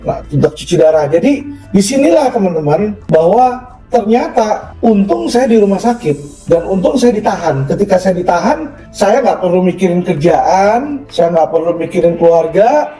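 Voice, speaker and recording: High-voiced man telling his story, echoey. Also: dark tone, distant mic. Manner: emphatic, preachy, peppers talk with asides to listeners. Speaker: lawyer. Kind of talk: earnest storytelling to an audience.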